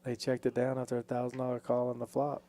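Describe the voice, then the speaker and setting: Gravelly, low-key male poker host. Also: monotone, quick pace, dark tone. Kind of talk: casual live poker commentary.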